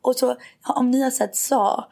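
A woman's voice: high-pitched, steady tone, vocal fry, a little mellow. A young woman from Sweden, co-hosting a podcast, telling stories animatedly and mixing in English and swearing. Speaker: podcast co-host. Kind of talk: casual chat.

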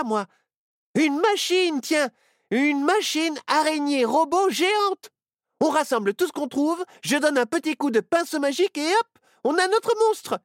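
A storyteller voicing an eager young girl who bursts with ideas and talks in quick exclamations. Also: high-pitched, dry recording, studio quality, voice pushed up, close to an everyday voice. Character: excited young girl, bold, full of ideas.

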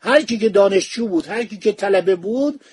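Speaking in a dry recording from his home study full of bookshelves, a podcast host with a high, expressive, darkish voice and a breathy edge casually recounts a historical travel account. He treats it as an anecdote and acts out the quoted speech.

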